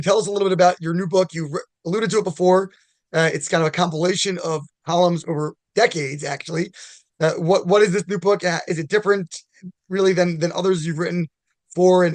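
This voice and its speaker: A man hosting a podcast, asking conversational, halting interview questions. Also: sits high, fairly even intonation, dry recording. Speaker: podcast host.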